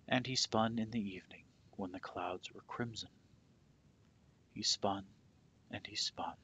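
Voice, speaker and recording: Slight background noise sits under this man's low voice as he tells the story of a children's picture book. He reads with dramatic, deliberate phrasing, letting the ends of phrases go soft.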